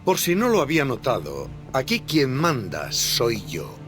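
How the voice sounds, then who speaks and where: Movie villain, menacing, domineering, deliberate, lively pitch, video game drama. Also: male voice, music in the background. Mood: menacing, commanding. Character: menacing commanding male villain, movie villain manner. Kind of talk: dramatic video game acting in Spanish dub.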